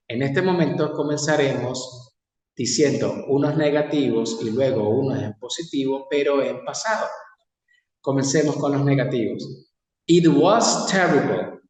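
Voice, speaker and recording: A man teaching an English class in Spanish, saying model phrases slowly and repeating each one for students to copy. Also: medium pitch, darkish tone. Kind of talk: classroom lesson. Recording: echoey hall, far from mic.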